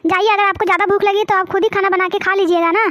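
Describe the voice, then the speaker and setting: A woman's voice: extremely high pitch, fairly even intonation, fast, fairly bright tone, dry recording, clean studio sound. Woman playing a sleepy rude daughter-in-law. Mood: dismissive. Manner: dismissive, sleepy.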